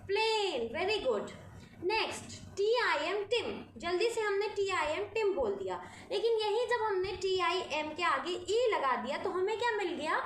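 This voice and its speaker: Teacher lady, very high voice, slow, spells words out then says them, echoey room w faint hiss. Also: very animated. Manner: slow, repeats each word after spelling it out; mixes Hindi and English, asks questions and answers them. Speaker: English teacher. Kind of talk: phonics lesson.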